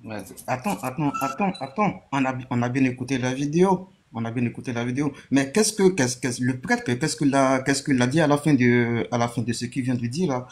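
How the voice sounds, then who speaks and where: Un homme qui intervient dans un débat en direct en ligne, au haut-parleur, faible et lointain, hésitant et plein de reprises. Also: male voice, mid-range voice, a little fast, few pauses. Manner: hesitant, many restarts and stammers. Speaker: guest joining a live stream. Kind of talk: live online debate.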